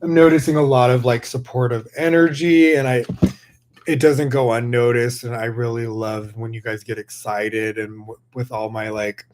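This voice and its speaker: A young man talks loosely and warmly to his listeners, piling up fillers and restarts. His voice sits at an ordinary middle pitch. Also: little pitch movement, moderate pace, a little hiss or hum. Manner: gushing and rambling, many fillers. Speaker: podcast host. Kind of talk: casual spiritual podcast talk.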